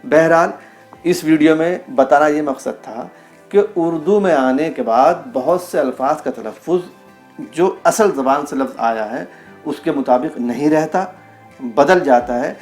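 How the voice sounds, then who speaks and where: A man teaching a video lesson, reading aloud from a book and saying example words slowly and carefully. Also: on the high side, darkish tone, soft background music. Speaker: Urdu language teacher.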